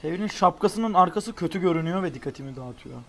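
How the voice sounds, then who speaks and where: A young man giving casual, excitable commentary while playing a racing game online. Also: sits high, fast talker, creaky, faint music behind. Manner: excitable, exclaims at near misses. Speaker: gaming YouTuber.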